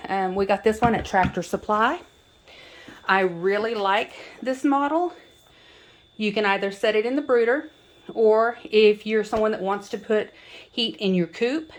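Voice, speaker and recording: Woman casually explaining, medium pitch. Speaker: homesteading channel host.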